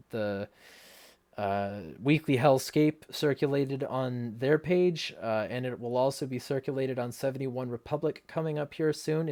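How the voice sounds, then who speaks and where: Blunt, indignant and sarcastic, with plenty of swearing, a livestream host rants while going through viewer comments. His voice is mid-range and a little mellow.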